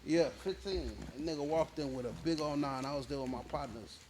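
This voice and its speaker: Laid-back man, slightly high voice. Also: brisk, darkish tone, slight background noise. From born in Nigeria, raised in Houston, Texas. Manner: laid-back, slang-heavy, keeps checking in with the listener. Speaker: rapper, interview guest. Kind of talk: casual interview storytelling.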